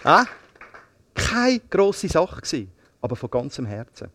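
A middle-aged man with a Swiss German accent preaching a sermon, telling stories in a lively way, repeating words and swinging between hushed and loud passages. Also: a little high, unhurried. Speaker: pastor.

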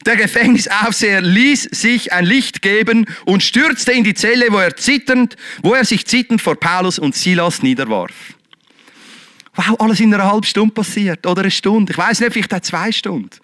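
A man preaching a lively sermon, shifting between loud exhortation and quiet, earnest talk. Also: sits high, moderate pace, no room sound. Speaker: pastor.

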